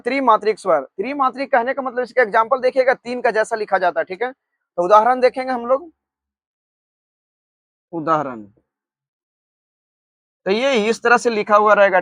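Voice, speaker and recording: A man from Bihar teaching a grammar lesson. He keeps checking in with "ठीक है" and dictates notes slowly, one word at a time. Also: extremely high pitch, fairly bright tone, no room sound. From Bihar, India.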